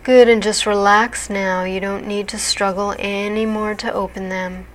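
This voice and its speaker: A woman leads a guided hypnosis session as a hypnotherapist would. Her delivery is very slow and deliberate, with a soothing, measured manner. Her voice sits at an average pitch for a woman. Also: flat delivery, rough recording. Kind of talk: guided hypnosis relaxation narration.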